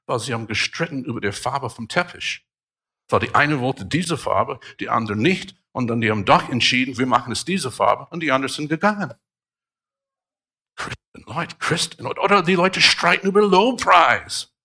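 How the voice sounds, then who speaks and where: A middle-aged man, a pastor, preaching a sermon with emphatic, sudden loud rises. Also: mid-range voice, creaky, husky.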